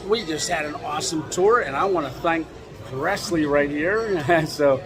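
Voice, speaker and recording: A man's voice: on the high side, moderate pace, music in the background. A man chatting casually and off the cuff as a travel vlogger, folksy and full of exclamations. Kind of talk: casual unscripted travel vlog chat. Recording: noisy outdoor wind and vehicle noise.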